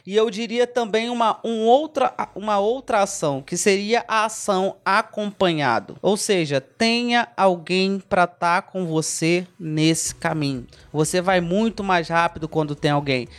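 A man's voice: sits high, measured pace, few pauses. A Brazilian man hosting a motivational podcast, emphatic and repetitive, speaking straight to the listener as a mentor. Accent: Brazilian Portuguese.

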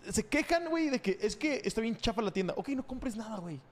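A man with a Mexican Spanish accent, co-hosting a casual chat, animated, slangy and jokey. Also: extremely high pitch, brisk, long reverb tail. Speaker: podcast co-host. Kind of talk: casual chat among friends.

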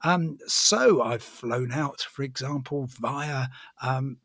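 A man's voice: medium pitch, takes it slowly, fairly bright tone, breathy edge, dry recording, clean studio sound. A man co-hosting a podcast about travel, reading listener messages and telling his own stories with wry understatement. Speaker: podcast co-host. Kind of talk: casual podcast chat.

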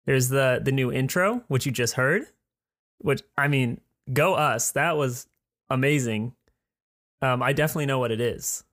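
A man's voice: medium pitch, moderate pace, a bit bright. A man co-hosting a casual podcast, talking with enthusiastic, playful hype. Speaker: podcast co-host.

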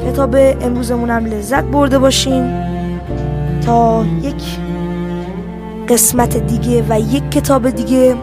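A woman with a fairly high voice hosts a book podcast, reading a children's detective story aloud. As podcast host and book reader, she talks to listeners in a friendly, expressive way.

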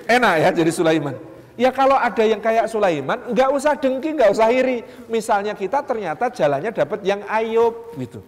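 A man preaching a humorous mosque lecture, telling stories lively and acting out the people in them. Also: high voice, normal speed. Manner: lively storytelling, acts out quotes, jokes. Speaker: Islamic preacher. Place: large mosque hall. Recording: reverberant hall, faint ambience.

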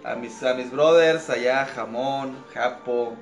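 Soft-spoken Mexican podcast guest. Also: male voice, medium pitch, takes it slowly, soft background music. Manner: soft-spoken, hesitant, with many fillers. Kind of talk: casual chat.

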